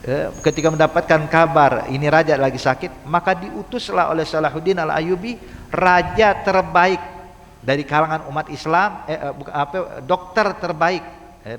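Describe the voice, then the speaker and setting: A man's voice: a little high, a bit bright, a little hiss or hum. A man giving a casual, conversational sermon in a mosque, often calling out to his audience and acting out quoted speech. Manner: casual Jakarta-style slang, addresses audience as hadirin. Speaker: preacher. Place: mosque hall. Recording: reverberant mosque hall.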